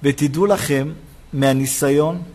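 A rabbi preaching a sermon in a synagogue, telling a personal story and acting out the dialogue. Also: male voice, on the high side. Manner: animated storytelling, acts out dialogue.

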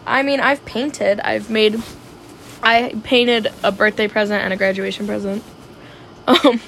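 A woman co-hosting a casual home podcast, talking in a relaxed, easygoing way. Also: mid-range voice, unhurried, creaky, a little hiss or hum. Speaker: podcast co-host. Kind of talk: casual chat. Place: home, indoors.

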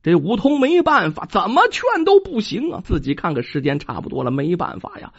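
A storyteller telling a folk tale in a lively, dramatic manner, with spoken sound effects, on a dull lo-fi recording. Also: medium pitch, brisk. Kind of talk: traditional oral storytelling.

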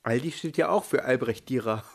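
A man's voice: medium pitch, a little fast, gravelly. A man co-hosting a casual chat, making wry, teasing remarks. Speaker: podcast co-host.

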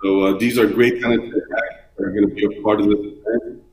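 A man calling in from his laptop to an interview, talking about his event in a halting way with lots of ums and uhs. His audio keeps breaking up with echo over the call. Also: lowish voice, steady tone, a little mellow, a little hiss or hum. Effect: breaking-up echoey video-call audio. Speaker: guest event organizer. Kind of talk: remote interview, promoting an event. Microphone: laptop on a video call. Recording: distant, echoey, dull lo-fi call line.

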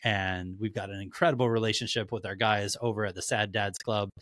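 A man hosts a podcast with a low, bright, forceful voice. He talks candidly and loosely, swearing without a second thought. The sound is dry and close. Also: fairly even intonation, fairly quick, no echo. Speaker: podcast host. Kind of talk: casual podcast chat.

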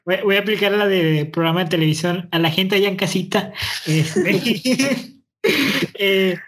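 A young man with a northern Mexican accent hosting a casual chat, talking fast and clipped, often restarting his words. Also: high-pitched, a bit bright, a little hiss or hum. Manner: fast, clipped talk with frequent stammered restarts. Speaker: host.

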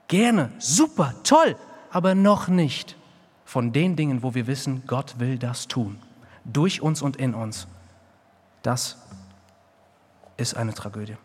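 A man preaching a sermon, emphatic, swinging between quiet, intimate lines and loud, dramatic ones as he acts out excuses. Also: mid-range voice. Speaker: pastor. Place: church hall. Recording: long reverb of a church hall.

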